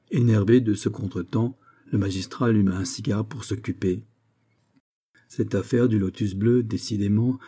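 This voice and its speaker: Guy reading an audiobook, low husky voice, steady pace. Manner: steady, measured storytelling. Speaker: narrator. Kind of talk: audiobook narration.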